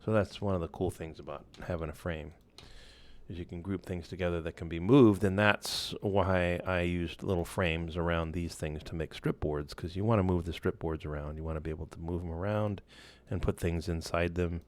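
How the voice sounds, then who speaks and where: A man walking through a software tool in a casual screen-share tutorial, loose and relaxed, with many fillers and restarts. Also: low voice, normal speed. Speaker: instructor.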